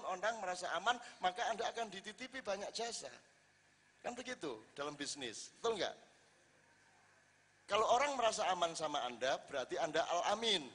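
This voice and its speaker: A man giving a casual, lively sermon at an Islamic gathering and asking his audience rhetorical questions. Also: high-pitched. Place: large assembly hall. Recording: long reverb in a large hall.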